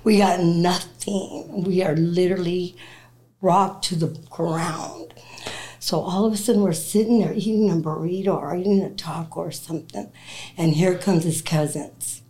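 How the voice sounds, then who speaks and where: A woman telling her personal testimony as a guest, animated, acting out the voices of people in her story and laughing as she talks. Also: fairly low pitch, moderate pace. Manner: animated, acts out quoted dialogue. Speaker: interview guest.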